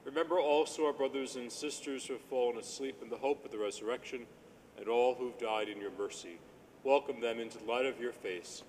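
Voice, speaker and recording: A man with a mid-pitched voice recites prayer as a priest at Mass. His delivery is formal and reverent, heard through long church reverb with faint noise. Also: fairly quick, a little mellow. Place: large echoing church.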